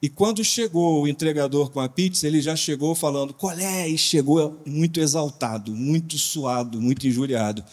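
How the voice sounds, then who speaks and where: Brazilian male pastor on a panel, slightly high voice, lively slangy storyteller, long hall reverb. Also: moderate pace, few pauses. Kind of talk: storytelling talk on a conference panel. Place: conference hall.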